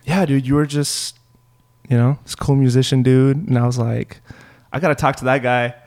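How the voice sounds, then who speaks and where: A man's voice: mid-range voice, fairly even intonation, normal speed, a little mellow. A man hosting a podcast, chatting with his guest in a casual, friendly way, full of "dude" and "bro". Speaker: podcast host. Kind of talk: casual interview conversation.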